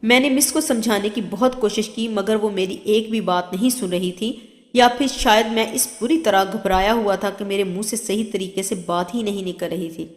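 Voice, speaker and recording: A woman reading a long moral story as narrator, in a steady, measured way. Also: mid-range voice. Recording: long reverb.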